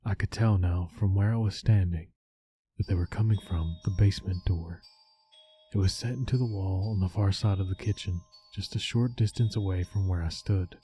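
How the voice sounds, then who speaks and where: Low, dark-voiced male horror story narrator. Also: steady tone, normal speed. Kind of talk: scripted scary story narration, first person. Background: background music.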